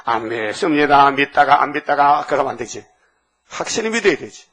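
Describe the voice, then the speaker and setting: A man's voice: a little high, very animated, brisk, fairly bright tone, breathy edge. A Korean man giving a dawn sermon. He scolds in plain everyday speech and acts out the voices of the people he quotes. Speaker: preacher.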